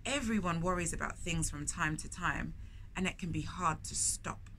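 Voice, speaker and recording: A middle-aged woman who lives in London, England, hosts storytime inside a bookshop, reading a picture book aloud with expression and tossing in chatty asides and questions for the young listeners. Her voice is lowish and fairly bright at a normal speed. Shop ambience is clearly audible in the background.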